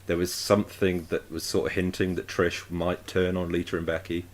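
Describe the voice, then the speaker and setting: Very deep-voiced male podcast host. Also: flat delivery, normal speed. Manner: repeats words while thinking, steers the order of picks. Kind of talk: casual chat, wrestling predictions.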